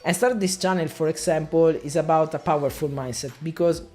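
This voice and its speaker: Talking casually to camera in non-native English, a man from Italy with an Italian accent describes being a digital marketing media buyer, frequently halting and restarting. He speaks fairly quickly in a fairly high, darkish voice, with faint music in the background.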